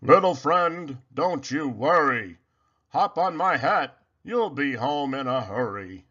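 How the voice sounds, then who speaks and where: Man playing a kindly, husky old Santa Claus. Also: lively intonation, slow, bright, forceful tone, dull audio, heavily acted. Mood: kind, reassuring. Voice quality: deep, wise voice. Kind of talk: storybook character voice.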